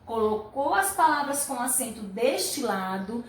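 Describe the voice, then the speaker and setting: Lady teacher going over workbook answers w the kids, high voice, kinda far off in an echoey room. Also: sing-song, slight background noise. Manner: patient, slow and drawn-out, praising pupils. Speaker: primary school teacher. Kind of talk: classroom lesson correcting workbook exercises. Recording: echoey room, mic at a distance.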